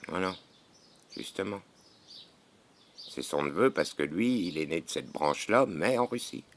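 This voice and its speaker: A man from France vlogs in a casual, folksy chat, repeating "mon gars" often. His low voice has lively intonation and a measured pace and sounds somewhat worn out, with a faint hiss or hum.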